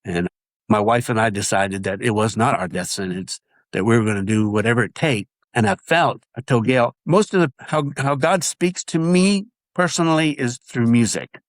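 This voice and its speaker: Earnest and halting, a man gives his testimony in a casual interview, restarting his sentences time after time. His nasal voice is medium-pitched, and there's no echo.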